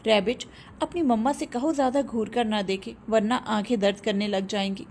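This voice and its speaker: A woman voicing a joking, teasing husband and father who speaks quietly. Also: a little high, fairly even intonation, moderate pace, vocal fry, slight background noise. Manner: hushed, joking.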